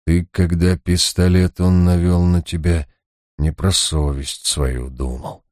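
A man voicing a grim senior detective who speaks quietly, slowly and bitterly. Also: low-pitched, level tone, no echo, clean studio sound.

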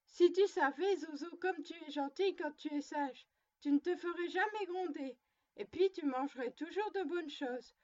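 A woman's voice: high voice, normal speed, darkish tone, dull audio, lightly acted. A woman doing a stern little girl playing mother. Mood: scolding. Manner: stern, scolding. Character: strict little girl scolding her doll like a mother.

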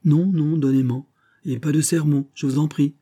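A man's voice: mid-range voice, normal speed, mellow, slightly rough, natural voice. A man voicing a proud, restless young society woman who speaks with impatient, imperious vehemence in an audiobook reading. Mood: feverish insistence.

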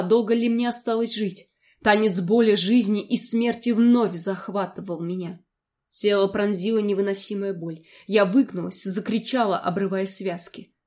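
A woman narrates a fantasy novel in the first person, dramatic and expressive. Her voice sits at a middle pitch. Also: normal speed. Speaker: audiobook narrator.

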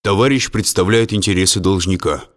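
A man's voice: sits low, brisk, natural voice. A man voicing a nervous middle-aged factory lawyer who sounds flustered and jumpy. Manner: flustered and jumpy, dropping into whispers.

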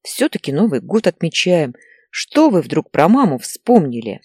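A woman voicing a tired adult nephew who tries to calm a family quarrel. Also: low voice, measured pace, husky, no echo, clean studio sound, full character voice. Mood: pleading. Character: weary adult nephew, pleading peacemaker.

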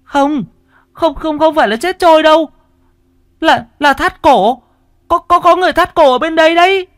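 A man's voice: very high voice, normal speed, a bit bright, no room sound, studio quality, pitched above the performer's own voice. A man voicing a terrified young village lad who stammers breathlessly, trembling with fright. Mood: panicked. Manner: stammering, repeating words in panic.

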